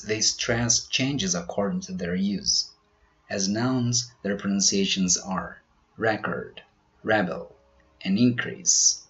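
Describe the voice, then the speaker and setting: A man teaching pronunciation in a scripted quiz, slowly over-articulating each example word. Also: lowish voice, a bit bright, highs cut off. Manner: slow, careful, over-articulated delivery of example words.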